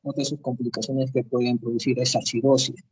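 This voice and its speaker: A man's voice: mid-range voice, flat delivery, a little fast, a little mellow, no echo. A man presenting a class lesson over a video call, hesitant with many fillers and restarts. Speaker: medical student presenting. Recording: dull, dry, husky online call audio.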